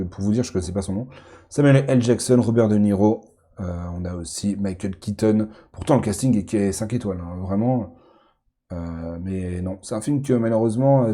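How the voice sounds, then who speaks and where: A man chats loosely as he ranks films, with a very dark, mellow tone sitting a little low. He rambles, stumbles over his words, repeats himself and corrects himself as he goes. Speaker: film YouTuber ranking movies. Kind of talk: casual chat.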